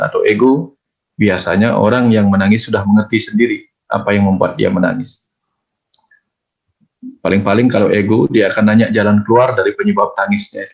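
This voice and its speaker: Male spiritual teacher, low voice, slow and measured, explains with parables. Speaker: spiritual teacher answering questions. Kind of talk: calm reflective teaching talk.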